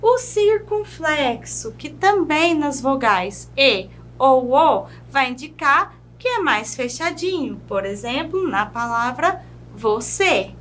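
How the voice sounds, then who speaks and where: Slow, high-voiced Brazilian teacher woman. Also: big pitch swings, fairly bright tone, a little hiss or hum. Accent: Brazilian Portuguese. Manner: slow, drawn-out pronunciation of example words; checks in with "né?" and "certo?". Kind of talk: video lesson on grammar.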